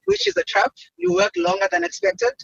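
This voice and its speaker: A man speaks in a very high, lively voice as a guest, joking as he goes. The voice is gravelly and the audio sounds dull and lo-fi. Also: fairly quick, slight background noise. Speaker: guest, insurance seller.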